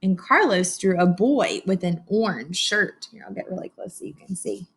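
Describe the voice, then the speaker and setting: With a medium-pitched voice that is gravelly and husky, a woman reads a picture book to small children in a teacherly manner. She pauses now and then to explain and to pose easy, encouraging questions.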